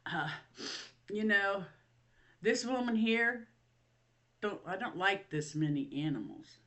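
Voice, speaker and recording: An older woman hosts a casual home vlog. She rambles from one story to the next in a mid-pitched voice and keeps laughing at herself. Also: expressive, slow pace, a bit bright. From Ohio. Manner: rambling, chatty, laughs often, self-mocking. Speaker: vlog host. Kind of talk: casual chat to camera.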